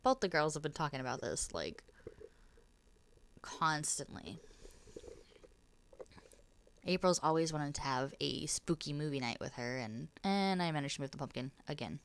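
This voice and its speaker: Low, nasal voice of a sick woman. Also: animated, normal speed, gravelly, pauses often, slight background noise. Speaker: gameplay narrator. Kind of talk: casual game commentary.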